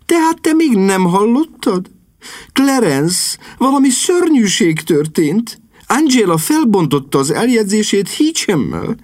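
A man's voice: medium pitch, huge pitch swings, vocal fry, darkish tone, breathy edge, no room sound, clean studio sound, pitched above the performer's own voice, heavily acted. A man reading an audiobook voices a haughty aristocratic lady, agitated and commanding. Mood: exasperated. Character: haughty aristocratic lady, middle-aged, imperious.

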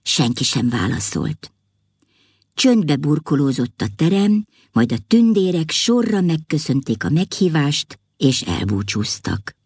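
A woman reading a fairy tale aloud in an expressive storybook style. Her voice is low, with a lively, wide-ranging melody, recorded close and dry with no room sound. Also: husky, no room sound. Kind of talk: storybook narration.

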